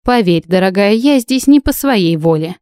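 A woman's voice: medium pitch, expressive, normal speed, warm tone, clean tone, dry recording, lightly acted. A woman voicing an older witch and grandmother with a dry, snorting manner in an audiobook. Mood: wry.

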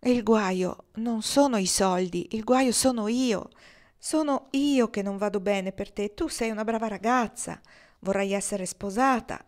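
A woman reading the lines of an eager, restless young man who talks fast and with youthful enthusiasm. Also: medium pitch, natural voice. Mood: self-reproaching. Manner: hurried, enthusiastic.

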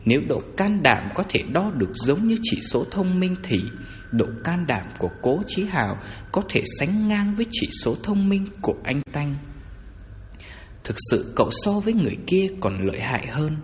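A man narrating a story as scripted audiobook narration, in an expressive, dramatic manner. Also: a little high, moderate pace, long reverb tail, slight background noise.

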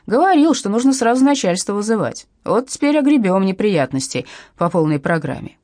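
A woman voicing a gloomy, hoarse male security guard who grumbles and expects the worst. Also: mid-range voice, sing-song, brisk, a little mellow, no room sound, clean studio sound, natural voice. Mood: grumbling. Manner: grumbling, pessimistic.

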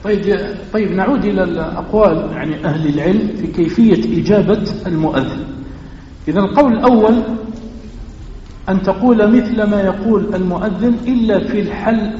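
A man's voice: high voice, fairly quick, warm tone, a little hiss or hum. A man giving a religious lesson in a mosque, explaining step by step and asking questions that he then answers himself. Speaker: religious teacher. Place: mosque prayer hall. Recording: echoey mosque hall, dull lo-fi sound.

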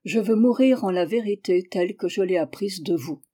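A frail, stubborn male friar, read aloud by a woman in a storybook. He speaks with defiance. The tone is mellow and unforced. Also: mid-range voice, normal speed, natural voice. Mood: defiant.

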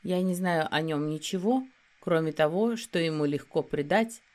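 A woman tells a first-person story as an audiobook narrator. Her delivery is steady and her voice sits a little low. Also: moderate pace.

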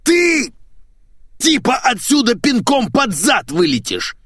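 A man voicing a furious middle-aged chief editor who yells and shrieks at his staff in an audiobook. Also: extremely high pitch, huge pitch swings, slow, no room sound, voice pushed up, exaggerated voice. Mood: threatening. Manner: shrieking, yelling.

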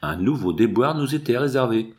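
Expressive male audiobook narrator. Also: medium pitch, moderate pace. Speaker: audiobook reader. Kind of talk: scripted narration.

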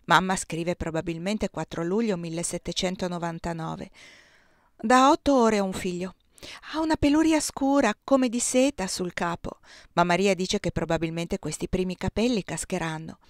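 A woman reading a first-person novel aloud as an audiobook, in a measured, expressive way. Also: on the low side, no room sound, studio quality. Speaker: audiobook reader.

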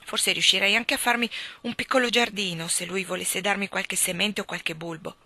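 A woman's voice: medium pitch, steady tone, moderate pace, pushed and bright, no echo. A woman reading the lines of a lonely, eager young girl in a storybook, wistful and earnest in manner.

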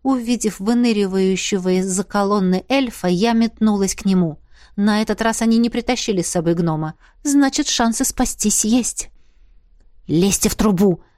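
A woman narrating a first-person fantasy audiobook in an expressive, breathless way. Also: mid-range voice, normal speed, no room sound, studio quality. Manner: expressive, breathless in tense moments.

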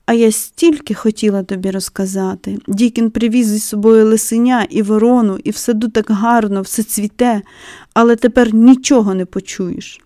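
A woman's voice: fairly high pitch, fairly even intonation, normal speed, dark tone, no room sound, studio quality, natural voice. A woman voicing a stubborn, blunt young girl who snaps back curtly in a storybook reading. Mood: regretful. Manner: curt, scolding.

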